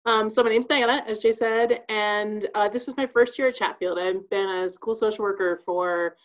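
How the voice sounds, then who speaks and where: A woman's voice: mid-range voice, steady tone, moderate pace. A woman, a school social worker, speaks as a guest on a podcast interview. She explains things earnestly and steadily, with a few ums along the way. The recording sounds slightly dull. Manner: earnest, explanatory, some fillers.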